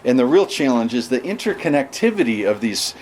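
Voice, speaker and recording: A male podcast host leads a relaxed conversation from a sauna bench. He circles around his questions with plenty of ums and restarts. Faint background noise sits under the voice. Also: mid-range voice, a little fast. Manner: rambling, warm questions with fillers. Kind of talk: casual interview chat. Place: inside a sauna at an outdoor festival.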